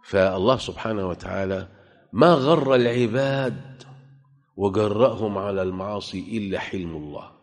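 A man's voice: on the low side, moderate pace. A man preaching a sermon with an Egyptian Arabic accent, emphatic, putting rhetorical questions to his listeners. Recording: long hall reverb.

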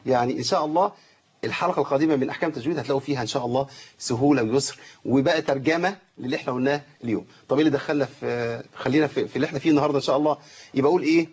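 A man with an Egyptian accent teaching Quran recitation, correcting students and slowly drawing out the recited words. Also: mid-range voice, darkish tone, breathy edge, highs cut off. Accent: Egyptian Arabic. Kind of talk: tajweed lesson with recited examples.

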